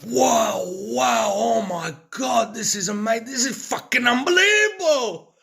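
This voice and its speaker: A man's voice: very high voice, expressive, slow pace, creaky, sharp tone, pitched above the performer's own voice, exaggerated voice. A man imitating a euphoric young man who is screaming, laughing and sobbing in ecstatic disbelief. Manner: shrieking, laughing and sobbing at once.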